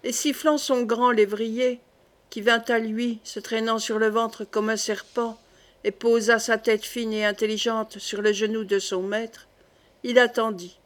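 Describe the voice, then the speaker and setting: A woman narrating a classic novel as an audiobook, in a steady, clear reading. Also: a little high, unhurried.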